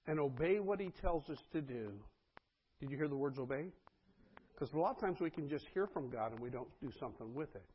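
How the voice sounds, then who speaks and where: Pastor guy preaching, kinda husky, slightly high voice, dull lo-fi sound, chatty with the crowd. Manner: earnest, conversational preaching with repeated asides to the congregation. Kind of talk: sermon.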